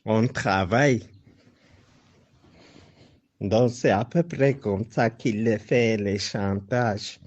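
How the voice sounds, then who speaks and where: This Cameroonian-accented man speaks low and darkish, drawing out words and leaving long pauses as he informally and insistently lays out accusations, repeating them for weight. The recording is muffled.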